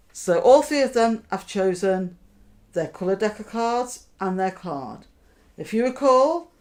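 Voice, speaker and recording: A woman magician giving card trick patter, deliberately talking her audience through each step and checking in with questions. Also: mid-range voice, a little mellow. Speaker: magician, host.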